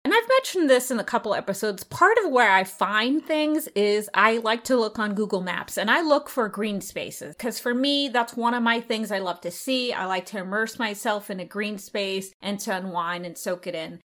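A woman's voice: medium pitch, expressive, normal speed, hardly any pauses, a bit bright. A woman co-hosting a travel podcast, chatting casually and enthusiastically about places she visited. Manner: enthusiastic, descriptive. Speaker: podcast co-host.

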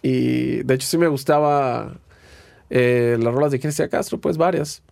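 A young Mexican man, a guitarist and producer being interviewed, telling relaxed, rambling stories full of slang and restarts. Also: medium pitch, unhurried, gravelly, no room sound, studio quality. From Guadalajara, Mexico. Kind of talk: casual conversational interview.

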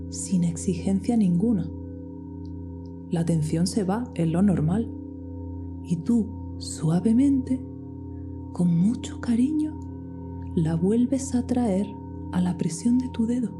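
A woman leads a guided meditation, speaking very slowly and gently, and her voice often sinks into a whisper. Calm music with singing bowls plays clearly behind her. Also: medium pitch. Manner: soft, slow, often whispered. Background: soft music with singing bowls.

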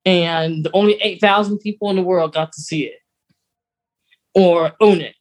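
Speaking at a moderate pace with fairly even intonation, a podcast co-host shares news in a relaxed, conversational chat. The mid-pitched voice carries a wry edge.

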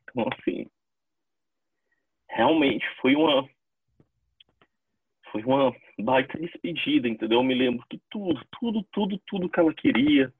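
A man speaks haltingly about loss, his husky voice thin and narrow like a phone line. He keeps checking in with his listener as he goes. The sound is close and dry. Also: mid-range voice, lively intonation, no room sound. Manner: grieving, halting, repeats entendeu. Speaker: interviewee, bereaved brother. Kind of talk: emotional testimony.

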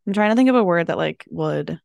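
A young woman with a low, creaky vocal-fry voice, chatting as a podcast co-host. She rambles along casually on a dry close mic. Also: animated, quick pace, a little mellow, no room sound. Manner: rambling, many "like" fillers. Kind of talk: casual chat.

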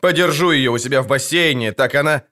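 A man's voice: medium pitch, fairly quick, sharp tone, lightly acted. A man reading an audiobook, voicing a hot-tempered, haughty prince who barks orders. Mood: angry. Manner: barking, imperious. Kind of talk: audiobook character voice.

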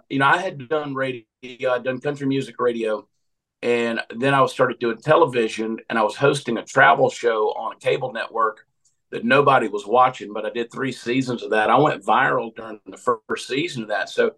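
A man's voice: medium pitch, normal speed, pushed and bright, poor audio. A man of fifty with a Southern American accent, a comedian telling folksy, joking stories in a rambling casual chat. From Georgia, USA. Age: 50s. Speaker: comedian and podcast host.

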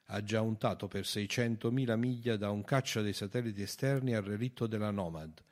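A man narrating a novel as an audiobook, measured, raising his voice for the dialogue. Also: lowish voice.

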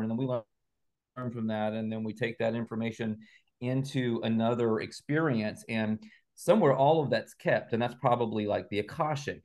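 Speaking methodically and step by step, a man explains his ideas as a guest author and researcher in a video call interview. His voice is medium-pitched and a little mellow.

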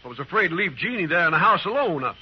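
A man's voice: fairly high pitch, big pitch swings, rapid-fire. Troubled cowboy-town man, earnest american, rustic talk, hissy old radio drama. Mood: alarmed, pleading. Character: troubled frontier townsman accused of murder. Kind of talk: old radio western acting. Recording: muffled, noisy vintage radio recording.

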